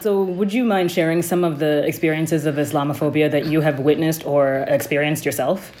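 A woman's voice: sits low, steady tone, brisk, a little mellow. A woman from Ghana interviewing a guest, speaking in a direct, conversational way.

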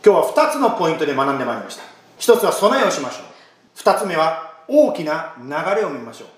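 A man, a pastor, giving an emphatic, animated sermon and leading a prayer. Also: on the high side, fast talker. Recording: echoey room.

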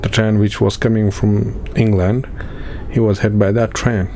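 A man from Afghanistan, giving halting personal testimony in an interview, with many pauses and restarts. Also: fairly low pitch, flat delivery, warm tone, slight background noise. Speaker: interviewee, refugee in a camp.

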